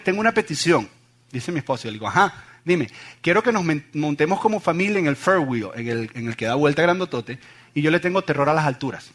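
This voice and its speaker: A middle-aged man, preaching a sermon with funny anecdotes and acted-out voices. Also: on the high side. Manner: animated storytelling, acts out voices. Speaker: pastor.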